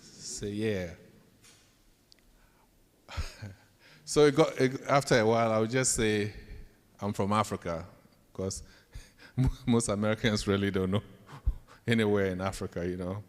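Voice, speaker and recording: A professor with a Ghanaian accent gives students a storytelling talk on leadership, speaking a little slowly and pausing often in a fairly low, fairly even voice. He acts out snippets of dialogue in an anecdotal style, and the hall echoes with long reverb.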